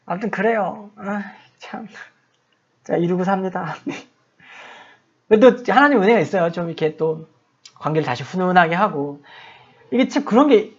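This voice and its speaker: A man's voice: high voice, animated, normal speed, long pauses. A middle-aged man preaching a sermon as a pastor and missionary, telling a story in a conversational, self-deprecating way. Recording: dull lo-fi sound.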